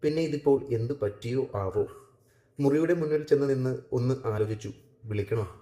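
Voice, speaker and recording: A man reading a romantic short story aloud in a steady, measured narration, recorded in an echoey room. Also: mid-range voice.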